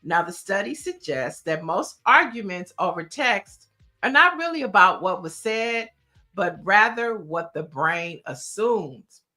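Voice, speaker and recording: This is a woman co-hosting a casual talk stream. Her voice is bright and clear, and she talks in an animated, chatty way with frequent laughter. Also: medium pitch. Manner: animated, talkative, laughs often. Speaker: co-host. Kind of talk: casual chat.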